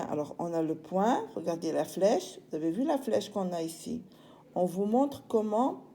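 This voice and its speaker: Woman, schoolteacher, slow patient explaining, mellow voice, faint hiss. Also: on the low side. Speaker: primary school teacher. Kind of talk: handwriting lesson for children.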